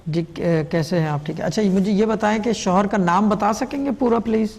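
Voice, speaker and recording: A man giving spiritual advice on a call-in show, explaining calmly and unhurriedly and mixing in English words. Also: high-pitched, vocal fry, big-room sound. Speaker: Sufi spiritual guide.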